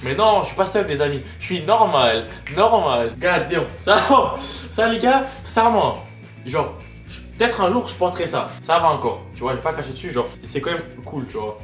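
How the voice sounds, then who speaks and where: A young man chatting casually on his vlog, slangy and animated, laughing often. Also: fairly high pitch, a little fast, faint music behind. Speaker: vlogger.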